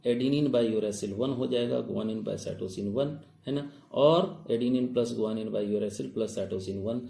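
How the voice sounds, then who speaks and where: A man's voice: mid-range voice, creaky, warm tone, echoey room. A man giving an exam-prep biology lecture. He mixes Hindi with English technical terms and keeps asking his students questions, calling them "babu". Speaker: biology teacher.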